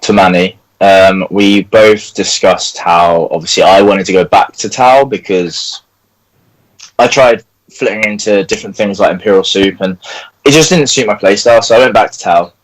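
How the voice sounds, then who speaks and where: A man's voice: on the low side, moderate pace, poor audio. A man co-hosting a casual live chat in an easygoing, laid-back way. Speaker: co-host and tabletop player.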